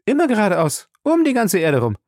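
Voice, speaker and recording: A man voicing an excitable, talkative young French manservant in a storybook reading, proud and quick to take offence. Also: a little high, dry recording, clean studio sound, pitched above the performer's own voice. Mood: chatty. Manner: chatty, proud, indignant.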